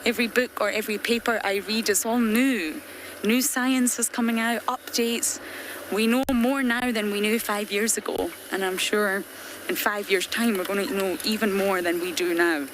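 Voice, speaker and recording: A woman's voice: mid-range voice, fairly even intonation, moderate pace, fairly bright tone. Scottish woman guiding a live safari. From Scotland. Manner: chatty and earnest, addressing viewers directly. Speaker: safari guide. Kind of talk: live commentary on a game drive. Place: open safari vehicle outdoors in the bush at dusk. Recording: outdoor bush ambience and vehicle noise.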